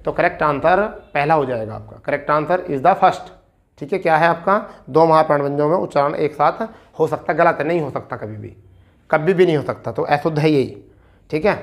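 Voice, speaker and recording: Male exam-prep tutor, a touch high-pitched, coaxing and repetitive, hurrying students toward the answer. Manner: coaxing, repeats "ठीक है" often; recites verse slowly and deliberately. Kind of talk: explaining a practice test.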